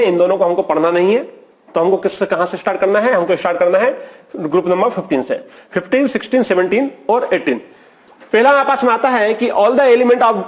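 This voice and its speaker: A man teaching a chemistry video lecture, who keeps asking a question and answering it himself in a steady repetitive explaining style. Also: high voice. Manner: asks the class a question, then answers it himself.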